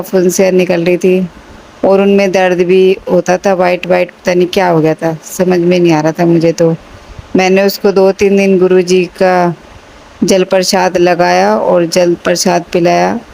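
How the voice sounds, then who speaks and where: Brief: woman in her thirties, low flat voice, gravelly, testimony. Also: a little hiss or hum, low-quality recording. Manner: slow, even, matter-of-fact. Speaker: health coach. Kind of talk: devotional testimony.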